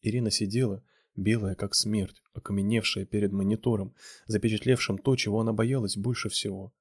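A man reading a romance novel aloud in a steady, measured narration. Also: fairly low pitch, breathy edge, dry recording, studio quality. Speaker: audiobook reader.

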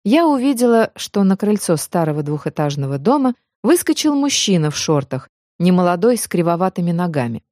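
A woman reads a first-person audiobook with feeling, her pitch rising and falling freely. Her tone is warm and mellow, and the close recording is dry with no room sound. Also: a little fast, hardly any pauses, dry recording. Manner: emotional, expressive. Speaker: audiobook narrator.

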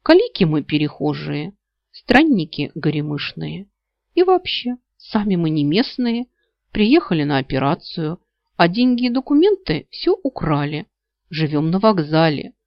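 A woman's voice: low-pitched, sing-song, a little slow, no echo, heavily acted. A woman voicing a sly, greedy male talking dog who whines and wheedles nasally, in a storybook reading. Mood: whining. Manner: whiny mock-beggar wheedling, nasal. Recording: slightly dull lo-fi audio.

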